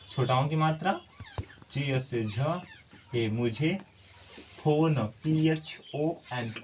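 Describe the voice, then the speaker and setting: A man's voice: mid-range voice, slight background noise. A man teaching a spelling lesson, spelling out letters one by one and explaining patiently. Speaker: English teacher.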